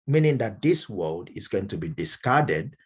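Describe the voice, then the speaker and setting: A middle-aged man with a Nigerian accent, giving a measured academic lecture with frequent fillers and restarts. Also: on the low side, big pitch swings, slightly rough. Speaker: Baptist minister and speaker.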